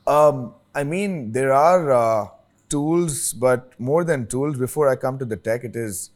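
A man's voice: medium pitch, measured pace. A man with an Indian accent speaking conversationally as an expert interview guest, emphatic and repeating his points with checking tags. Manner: emphatic, repeats phrases, often tags "right?".

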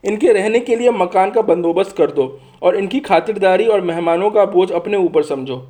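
Guy reading a kindly commanding storybook king, mellow, fairly high voice. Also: normal speed, lightly acted. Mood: gracious. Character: gracious, generous male king giving orders.

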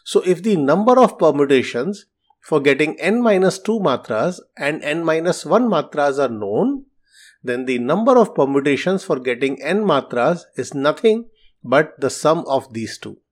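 Lively, methodical man explaining math. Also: fairly high pitch, normal speed. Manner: calm, methodical, teacherly. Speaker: podcast host and math teacher. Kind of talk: scripted podcast explanation.

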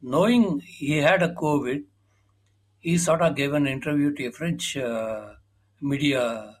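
A man's voice: fairly high pitch, a little slow, slightly rough. A senior sports journalist, a man, is a guest in a conversational interview. He explains things loosely and uses many fillers.

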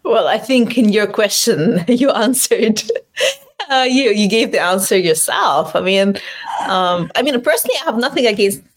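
A woman from Russia, a communication coach, speaking in a casual interview, animated and quick to laugh, sometimes restarting words. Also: mid-range voice. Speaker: communication coach, podcast guest.

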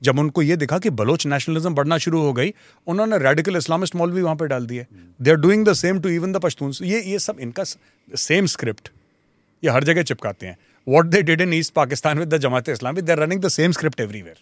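Very fast-talking Indian man, emphatic. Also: a little high, lively intonation, no echo. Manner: emphatic, repeats points, switches between English and Hindi. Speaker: guest commentator. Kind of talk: panel discussion, explanatory.

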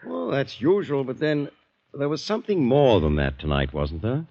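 With a British accent, a man plays an English doctor and veteran who is solicitous and probing, coaxing in a genteel, persuasive way in the style of 1940s radio drama. His mid-range voice is creaky and dark, swinging widely in pitch at a moderate pace, captured on a dull old radio recording.

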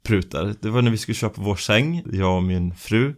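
Guy with a really low voice on a podcast, telling a story, doing little voices for people. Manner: animated storyteller, acts out dialogue, frequent restarts. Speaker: podcast co-host. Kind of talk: casual chat.

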